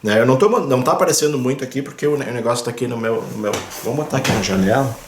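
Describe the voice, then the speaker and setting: A pilot who hosts aviation videos talks from home indoors in a mid-range voice, with reverb and a noisy background. His casual, chatty explanatory vlog talk is often tagged with quick confirming fillers as he points things out on a screen.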